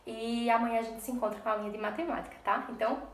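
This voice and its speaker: A woman's voice: on the high side, steady tone, racing, echoey room, recorded from a distance, a little hiss or hum. A woman teaching a lesson to young children in a recorded remote class, patient and step by step, often checking in with the class. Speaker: primary school teacher.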